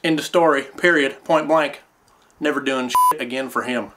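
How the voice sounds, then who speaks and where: A man's voice: mid-range voice, moderate pace, heavy background noise. Brash, foul-mouthed young man griping. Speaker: actor on the set. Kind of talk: comedic improvised mockumentary.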